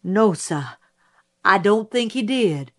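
A humble young man answering on the witness stand, as a woman reads him. His replies are plain, polite and steady. He speaks slowly and without fuss. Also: medium pitch.

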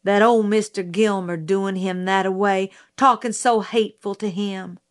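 A small, sensitive boy, read by a woman. He speaks softly and earnestly, his voice low and slow. He sounds hurt on someone else's behalf. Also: steady tone, lightly acted. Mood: upset.

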